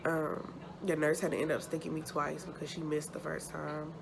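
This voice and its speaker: Woman, deep creaky voice, sore post-surgery, casual halting update, noisy hospital room. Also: monotone. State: sore and uncomfortable after surgery. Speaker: vlogger. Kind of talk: casual chat, personal update to camera. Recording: noticeable background noise.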